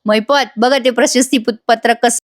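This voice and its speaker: A woman's voice: a little high, steady tone, fairly quick, close to an everyday voice. A woman voicing a scornful male prisoner who talks in a mocking way.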